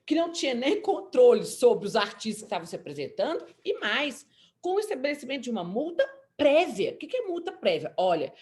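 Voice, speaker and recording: A woman lawyer with a Brazilian accent, speaking as a guest on a panel and explaining with animated, acted-out examples. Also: sits high. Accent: Brazilian Portuguese. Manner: animated, explanatory, acts out quotes. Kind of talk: panel discussion.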